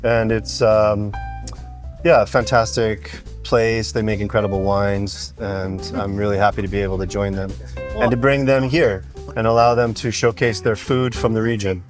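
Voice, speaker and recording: A knowledgeable man speaks as a restaurant's wine director. His voice is low and his delivery measured. Faint guitar music plays behind him. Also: fairly even intonation. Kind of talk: interview guest.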